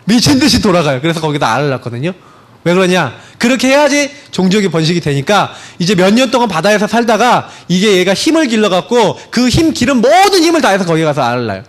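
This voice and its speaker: A man's voice: high voice, sing-song, quick pace. A man in his thirties, a pastor, preaching a conversational sermon full of rhetorical questions and acted-out anecdotes. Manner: acts out his own lines to his child.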